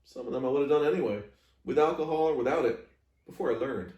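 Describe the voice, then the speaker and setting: A man voicing a kindly, plainspoken old Southern woman with a folksy, gently admonishing way, as he reads a story. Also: medium pitch, fast talker, lo-fi sound, voice pushed up, close to an everyday voice. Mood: wise, instructive. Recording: echoey room, distant microphone.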